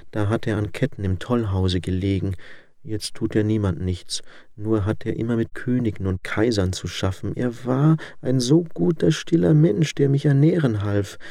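An old mother, worn down and pitying, calls out and laments in a high, pleading voice, as a male reader puts her on. The delivery is slow and the recording is dry and close. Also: creaky, dark tone, no echo. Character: elderly mother, worried and pitying. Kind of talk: audiobook character voice.

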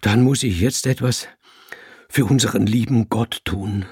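A man voicing a terrified, pious older man who hates cats and screams prayers for help in a high, strained voice. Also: unhurried, darkish tone, breathy edge, dry recording, studio quality. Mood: grim.

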